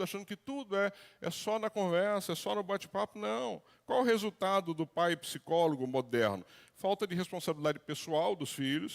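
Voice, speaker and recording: Man, middle-aged pastor; chatty sermon delivery, slightly high pitch, long church reverb. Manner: conversational preaching with acted quotes. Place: church hall.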